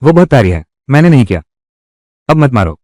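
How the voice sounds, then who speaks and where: A man's voice: medium pitch, very animated, a little fast, darkish tone, no room sound, studio quality. A man dubbing all the roles of a drama, with heated, quarrelsome delivery.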